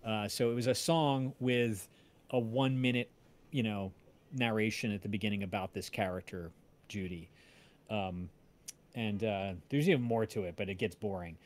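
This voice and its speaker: Telling a casual story on a livestream, a man with a fairly low, steady voice rambles and halts, repeatedly breaking into his own sentences. He's a podcast creator and voice-drama maker.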